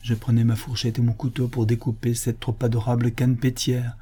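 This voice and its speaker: A man's voice: medium pitch, monotone, a little fast, dark tone, husky, close to an everyday voice. A man voicing a gluttonous older canon who wails over lost meals, in an audiobook reading. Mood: lamenting. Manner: anguished, theatrical lamenting. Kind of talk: audiobook reading of a classic novel.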